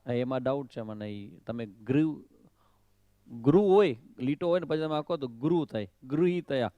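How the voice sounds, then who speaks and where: A man's voice: mid-range voice, expressive, moderate pace, no echo, dull audio. A swami teaching correct Sanskrit pronunciation of the Gita, drilling syllables over and over, questioning his students and slipping in English phrases. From Kutch, Gujarat.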